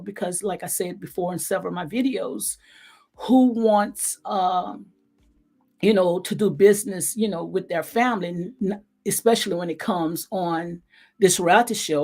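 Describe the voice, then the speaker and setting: This recap show host is a woman whose slightly hoarse, mid-range voice drifts through casual commentary. She comes across as chatty and heartfelt, repeating herself as she rambles.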